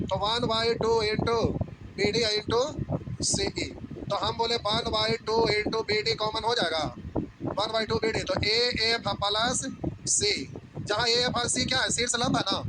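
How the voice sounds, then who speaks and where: A man teaching a math class, dictating notes slowly and repeating each phrase for students to copy. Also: high-pitched, steady tone, very noisy. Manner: casual, checks if students follow.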